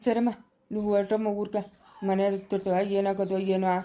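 A woman's voice: mid-range voice, flat delivery, a little fast, mellow, natural voice. A woman playing a firm, middle-aged male village elder in a rural family drama. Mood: soothing.

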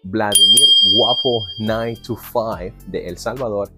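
A man's voice: lowish voice, steady tone, measured pace, loud music behind the voice. A middle-aged man hosting an English lesson to camera from a porch, speaking in an emphatic, instructional way. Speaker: English teacher, host. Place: covered porch outdoors.

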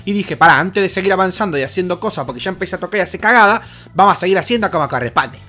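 A young man with a Rioplatense Spanish accent, commenting on his gameplay in an excitable, crude way with lots of swearing. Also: high voice, racing, faint music behind. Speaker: gaming host.

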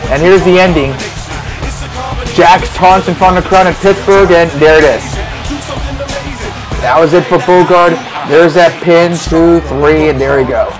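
A man doing excited play-by-play wrestling commentary, shouting at the big moves. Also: sits high. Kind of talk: excited wrestling commentary over a video game match. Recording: noisy with crowd roar behind.

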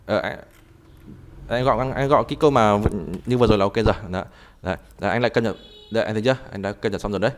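A man teaching a live online language class, talking haltingly and repeating words as he types and explains. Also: lowish voice. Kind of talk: live online tutoring session.

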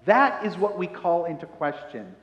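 A man in his fifties, a pastor preaching a sermon on a headset mic, slow and emphatic, asking the congregation questions. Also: sits high, sing-song, a bit bright, highs cut off. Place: church sanctuary in front of a brick wall. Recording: roomy hall echo.

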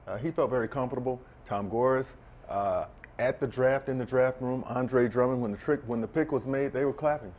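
A middle-aged man, a former player, chatting as a guest on a TV sports show, explaining his views in a measured way with examples. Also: medium pitch, a little mellow, a little hiss or hum. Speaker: guest, former basketball player and camp director. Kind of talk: casual studio chat. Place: TV sports studio set.

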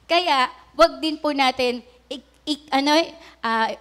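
A woman's voice: sits high, slow pace, fairly bright tone. A woman pastor giving a casual, conversational sermon, often adding polite asides and questions to the congregation. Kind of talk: Taglish sermon.

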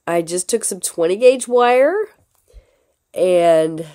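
Slow, hoarse woman vlogger. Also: fairly low pitch. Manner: slow, unhurried talk with fillers and soft laughs. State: hoarse from a lingering illness. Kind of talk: casual crafting tutorial.

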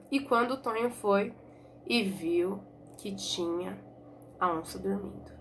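A woman's voice: mid-range voice, takes it slowly, slight background noise. A woman teacher retelling a book to her class in a chatty way, with frequent tag questions.

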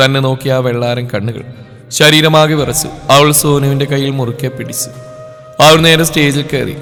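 Man narrating a dramatic romance story. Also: mid-range voice. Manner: emotive, dramatic reading with short pauses. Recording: long reverb over soft background music.

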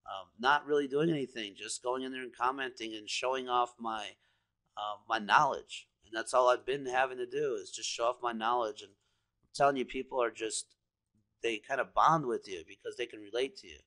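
A man's voice: medium pitch, moderate pace, bright, forceful tone. Rambling man in a casual screen-share demo. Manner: rambling, filler-heavy, keeps saying "you know" and "guys"; enthusiastic, salesy. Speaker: online marketer walking through a screen demo.

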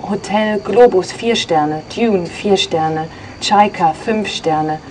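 A woman's voice: mid-range voice, slow, a little mellow, slight background noise. A woman pointing out places along a street, plainly listing hotels and their star ratings.

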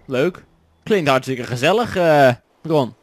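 Jokey Dutch gaming commentator. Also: male voice, medium pitch, expressive, slow pace, dry recording. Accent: Netherlands Dutch. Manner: jokey, swears a lot, chatty. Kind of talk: let's play commentary.

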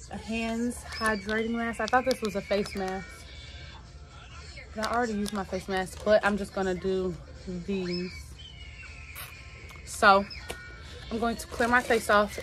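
A young woman from Tennessee talks casually to her viewers, rambling through a story in relaxed, slangy speech. Her voice sits in an ordinary middle pitch. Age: 20s. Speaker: vlogger. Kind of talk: casual chat.

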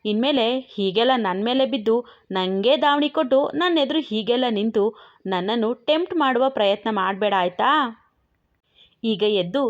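A woman's voice: a little high, normal speed, close to an everyday voice. A woman voicing a brash, teasing young man in a romantic audio story, mocking and bantering. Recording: dull lo-fi recording.

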